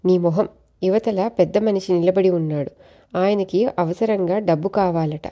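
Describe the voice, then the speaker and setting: A man's voice: high voice, normal speed, warm tone, close to an everyday voice. A woman voicing a cowardly, stingy male merchant who talks nervously and pleads, in a read-aloud storybook tale. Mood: pleading.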